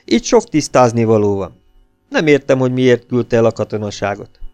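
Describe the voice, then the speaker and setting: A man reading an audiobook, voicing a calm, shrewd male detective who speaks matter-of-factly. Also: medium pitch, dry recording, soft background music, natural voice. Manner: dry, matter-of-fact delivery.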